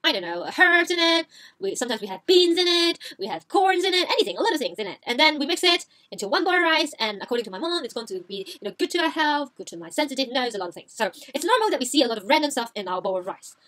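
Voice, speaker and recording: Animated woman telling a storytime vlog. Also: high voice, fast. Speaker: vlogger.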